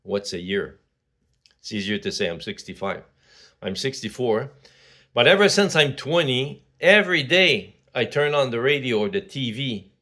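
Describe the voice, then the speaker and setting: A man's voice: mid-range voice, very animated, moderate pace, sharp tone. Man, sixties, from Quebec, casual vlog monologue, rambling, full of fillers and restarts. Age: 60s. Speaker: vlogger.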